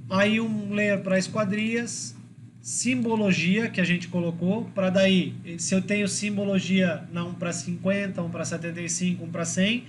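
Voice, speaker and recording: High-voiced Brazilian man lecturing. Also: little pitch movement, unhurried, background noise. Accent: Brazilian Portuguese. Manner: explanatory, checks in with frequent tag questions. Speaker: university lecturer. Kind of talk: classroom lecture on drawing software.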